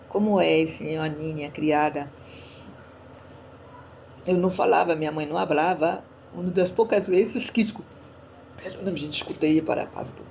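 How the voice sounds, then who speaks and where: Delivering a casual online sermon, a Brazilian woman sprinkles in words and keeps tossing questions to her listeners in a chatty way. Her low voice has vocal fry and is a little mellow, over a slight hiss or hum.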